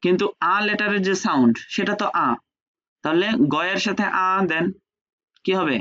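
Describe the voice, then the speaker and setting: A man teaching French pronunciation in an online lesson, patiently repeating each sound slowly. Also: high-pitched, sharp tone. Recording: dull lo-fi call audio.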